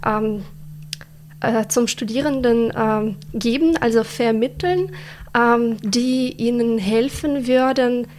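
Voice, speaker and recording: Hesitant young woman. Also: on the high side. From Ukraine. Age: young adult. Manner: hesitant, many fillers and restarts. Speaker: exchange student, interviewee. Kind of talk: interview answers.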